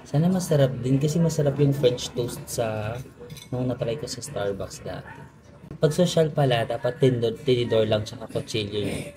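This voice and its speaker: A man's voice: mid-range voice, moderate pace. A young Filipino man with a Filipino accent, chatting playfully as he narrates a casual travel vlog. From Philippines. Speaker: travel vlogger.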